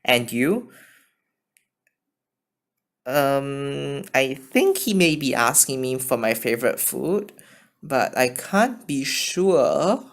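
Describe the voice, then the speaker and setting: A man's voice: mid-range voice, big pitch swings, gravelly. Hesitant man with a mixed Chinese-Singaporean accent. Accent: mixed Chinese and Singaporean English. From China. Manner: hesitant, halting, often apologetic. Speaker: channel host answering viewer questions. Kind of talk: casual Q&A vlog. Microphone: phone.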